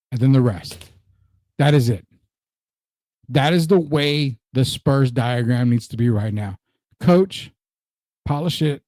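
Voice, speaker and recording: On his casual sports talk show, a man from Puerto Rico speaking Spanish presses his points by repeating them and reads viewer comments out loud. His voice is mid-range and dark in tone, with no room sound.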